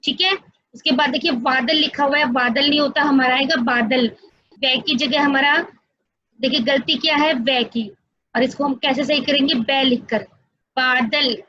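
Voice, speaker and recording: A woman's voice: sits high, fairly even intonation, normal speed, sharp tone, no room sound, dull audio. A woman teaching an online class to young children, explaining patiently step by step and often addressing them directly. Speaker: school teacher.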